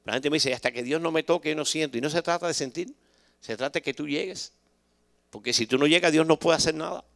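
A man's voice: a little high, fast, a bit bright, no room sound. A man giving a spoken religious testimony to a church, emphatic and acting out the dialogue he recalls in shifting voices.

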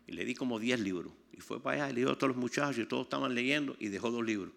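Gravelly older Cuban preacher. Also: male voice, medium pitch, rapid-fire. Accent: Cuban Spanish. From Cuba. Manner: animated storytelling, acts out quoted people. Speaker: preacher giving testimony. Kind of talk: sermon testimony.

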